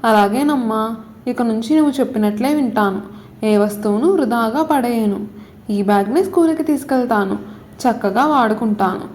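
A woman's voice: on the high side, moderate pace, a little mellow, slight background noise, natural voice. A woman voicing a stubborn young schoolgirl who insists on getting her way, in a storybook reading. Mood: contrite. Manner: sulky, insistent demands.

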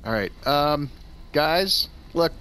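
A man doing casual let's play commentary, sarcastic and quick with a joke, swearing offhandedly. His voice sits a little high and swings around a lot in pitch. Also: animated, pushed and bright, slight background noise.

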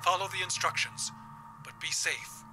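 A man's voice: sits high, little pitch movement, moderate pace, noisy background, close to an everyday voice. An actor playing a frantic, secretive old grandfather who stammers and pleads urgently. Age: older. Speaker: grandfather on a payphone.

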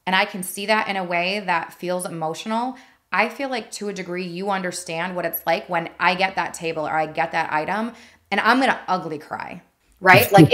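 A woman of about thirty with a fairly low, slightly bright voice works as a podcast host and marketing advisor. She coaches in a conversational, emphatic style. She speaks into a studio mic on a boom arm in a small indoor podcast studio.

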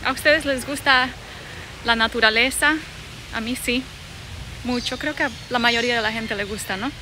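Speaking at normal speed in a slightly high voice, a Bolivian woman in her thirties casually hosts a live stream from an outdoor garden with birds, phone at arm's length, greeting her viewers. The outdoor phone recording is noisy, with birds and ambient sound behind her.

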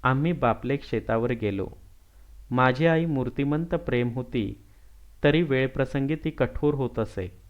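Slow, steady male audiobook reader. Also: mid-range voice. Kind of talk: reading a classic novel aloud. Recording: slightly dull lo-fi recording.

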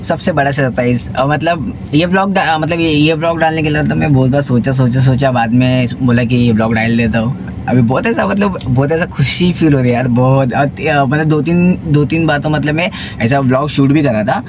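A man's voice: medium pitch, moderate pace. Young man rambling in a parked car. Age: young adult. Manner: rambling, many fillers and repeats. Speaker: vlogger. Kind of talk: casual vlog talk to camera. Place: inside a parked small car, daytime. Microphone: phone camera at arm's length. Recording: noisy phone video in a car.

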